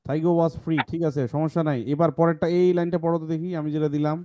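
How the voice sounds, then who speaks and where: A man leads a children's English reading class, patient and coaxing as he asks pupils to read lines and split words into syllables. His voice sits low and mellow. The sound is dry, with no room echo. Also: little pitch movement, fast, clean tone. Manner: patient, coaxing, mixes English phrases into speech. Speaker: teacher.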